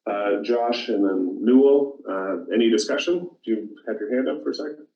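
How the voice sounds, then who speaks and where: A man chairing a public commission meeting, talking informally and correcting himself as he goes. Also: lowish voice. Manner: informal, halting, self-correcting. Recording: roomy, distant, dull council room audio.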